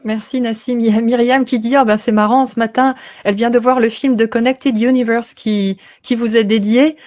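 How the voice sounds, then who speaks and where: Higher-voiced woman hosting an interview. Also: fairly even intonation, moderate pace, a little mellow. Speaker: host. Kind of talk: conversational live interview hosting.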